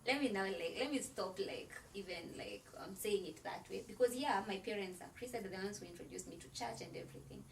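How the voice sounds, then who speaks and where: Speaking briskly and with few pauses, a woman guest on a faith-based motivational podcast lays out her points in an earnest, preacherly way, leaning heavily on "like" as filler. Her middle-pitched voice is creaky. She's captured from a distance on a rough recording with a faint hiss.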